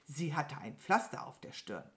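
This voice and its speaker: A woman reading a children's story aloud for kindergarten children, slow and expressive. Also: low voice.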